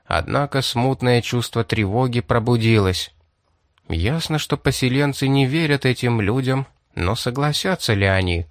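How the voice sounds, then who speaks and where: A man reading a science-fiction chapter aloud as an audiobook narrator, in an even, measured manner. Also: mid-range voice, no echo, studio quality. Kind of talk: scripted narration.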